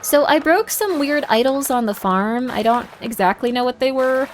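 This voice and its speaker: A streamer plays a game on a livestream, talking casually and playfully as she reacts out loud. Her voice sits high and moves at normal speed, the recording quality is poor, and game music is prominent in the background.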